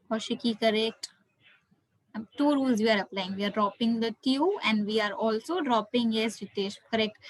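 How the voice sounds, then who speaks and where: Teaching French in an interactive online lesson, a woman with an Indian accent is full of praise and encouragement and repeats herself a lot. She speaks in a somewhat high voice on a low-quality recording.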